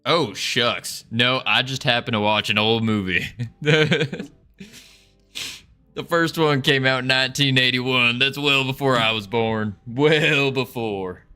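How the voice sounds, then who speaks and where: A young man livestreams and chats casually with viewers, playing up a fake American Southern accent full of folksy cowboy banter. His mid-range voice moves slowly and sounds bright, forceful and smooth. Faint music plays in the background.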